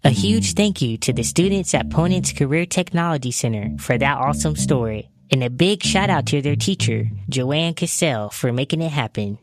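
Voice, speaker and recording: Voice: mid-range voice, expressive, moderate pace, few pauses. A youth radio host giving a scripted, upbeat introduction and closing. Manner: upbeat announcer delivery.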